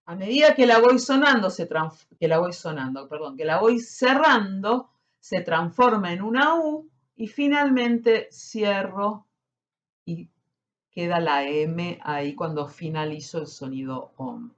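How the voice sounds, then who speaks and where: A woman giving a slow, explanatory spiritual lesson, often checking in with her listeners. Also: lowish voice, lively intonation, dull audio. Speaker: spiritual teacher. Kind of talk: slow explanatory teaching talk.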